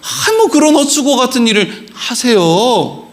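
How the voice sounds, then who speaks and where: A man's voice: extremely high pitch, animated, unhurried. A man voicing Moses as a mock-solemn, wheedling figure who talks God down during a sermon. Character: male Moses, cheeky and pleading with God.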